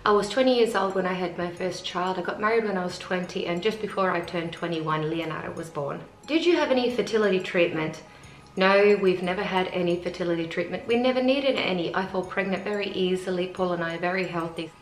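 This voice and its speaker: A woman's voice: lowish voice, brisk. Woman in her forties, echoey room. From Australia. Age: 40s. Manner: reads each question aloud, then answers plainly and matter-of-factly. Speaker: family vlogger. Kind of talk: casual Q&A to camera. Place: family home with children nearby. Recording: echoey room, faint music behind.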